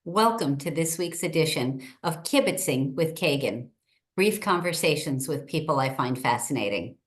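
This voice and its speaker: Low-pitched and expressive, this middle-aged woman talks at a normal speed while hosting a brief interview over video call. The host, a state senator, presents her guest and poses questions with cheerful enthusiasm.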